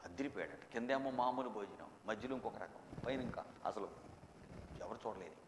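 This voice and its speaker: A middle-aged man preaching a sermon as pastor, shifting from quiet storytelling to loud, slow proclaiming. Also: on the low side, noisy background. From India. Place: church hall. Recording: echoey church hall with long reverb.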